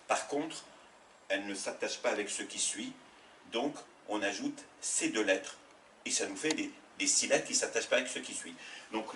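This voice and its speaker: A man teaching letters in a slow, patient classroom manner, spelling out each sound. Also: on the low side, a bit bright, slight background noise. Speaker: Arabic teacher. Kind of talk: classroom lesson. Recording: roomy sound from a distant mic.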